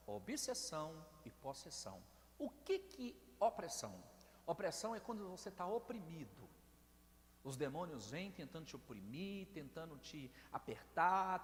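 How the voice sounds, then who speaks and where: A Brazilian pastor delivers an evangelical sermon in a high, lively voice that leaps up and down as he tells his stories. He keeps calling out to the brothers in the pews. The sound carries a long reverb from the church hall. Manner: storytelling, addresses congregation as brothers.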